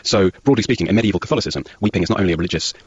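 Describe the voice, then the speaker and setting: A man's voice: sits low, very fast, husky, no room sound, muffled recording. A man, a historian, giving fluent, articulate explanations in an interview. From Britain. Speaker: historian guest.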